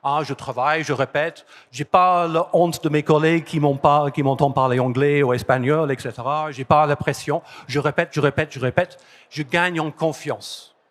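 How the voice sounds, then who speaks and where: Englishman with a fairly high voice lecturing. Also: moderate pace. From London, England. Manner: energetic, repeats key phrases for emphasis. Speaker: conference speaker. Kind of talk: conference presentation. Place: conference hall.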